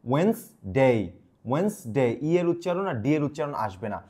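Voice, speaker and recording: A man teaching English pronunciation in a lively, encouraging way, repeating words for the listener to copy. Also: fairly high pitch, rapid-fire. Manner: drills words aloud, animated and encouraging. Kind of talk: pronunciation lesson.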